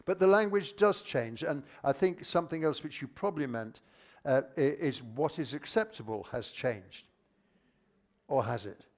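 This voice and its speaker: An older man with a fairly high voice gives a plenary talk on teaching methodology to an audience of teachers at a live conference, using a handheld mic. He's lively and informal, moving at a moderate pace, and when he echoes listeners' comments during the discussion he often stumbles and restarts.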